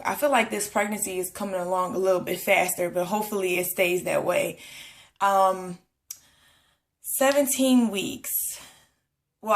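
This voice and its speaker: A woman's voice: medium pitch, a bit bright. A young woman talking casually to her camera in a rambling pregnancy vlog, full of fillers and a little out of breath. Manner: chatty, rambling, many fillers. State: a bit out of breath. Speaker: vlogger. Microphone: camera at close range.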